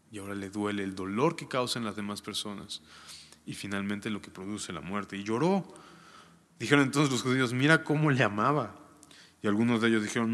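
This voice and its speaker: A man's voice: on the low side, fairly bright tone, in a large hall. A man reading a Bible passage aloud and stopping often to explain it in a casual, conversational way, with frequent tag questions. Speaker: Bible teacher.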